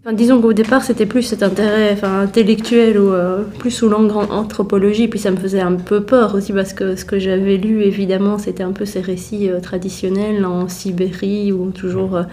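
A woman's voice: mid-range voice, level tone, a little fast, few pauses, warm tone, slight background noise. A woman giving a thoughtful, hesitant personal account. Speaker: interviewee. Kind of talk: personal testimony.

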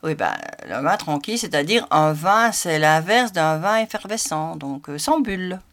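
A woman's voice: low voice, animated, moderate pace, a bit bright, no echo. A woman radio host chatting casually and reading out a wine feature, laughing at herself as she stumbles over foreign wine terms.

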